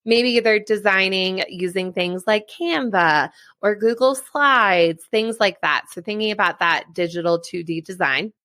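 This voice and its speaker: A woman's voice: medium pitch, a little slow, bright, forceful tone, no room sound. A woman STEM educator giving an upbeat, chatty online summit presentation, now and then laughing at herself. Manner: upbeat, chatty, with light self-deprecating laughs. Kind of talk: presentation talk.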